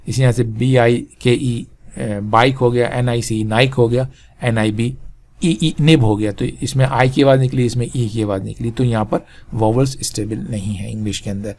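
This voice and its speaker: A man's voice: medium pitch, steady tone, moderate pace, darkish tone. A man giving a tajweed lesson, explaining step by step and sounding out vowels and letters one by one, closing with Arabic prayers. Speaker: Quran recitation teacher.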